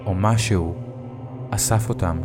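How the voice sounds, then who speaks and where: Man narrating a creepypasta over music. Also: fairly low pitch. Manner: tense first-person retelling, shouting in the dialogue. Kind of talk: creepypasta storytelling. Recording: music bed behind the voice.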